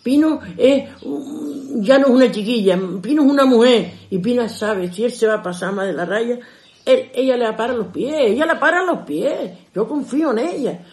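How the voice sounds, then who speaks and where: Older woman doing a calm firm father. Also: sits low, normal speed, voice pushed down. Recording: roomy echo.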